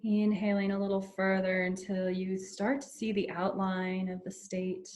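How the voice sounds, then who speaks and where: A woman guides a meditation, speaking soothingly and without hurry, leaving long pauses between phrases. Her voice is medium in pitch, level in tone, and somewhat dark.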